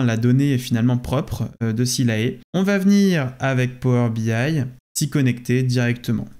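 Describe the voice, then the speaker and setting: Male consultant presenting a walkthrough tutorial, mid-range voice, steady explanatory delivery to the viewer. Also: mid-range voice. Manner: explains step by step, addresses the viewer directly.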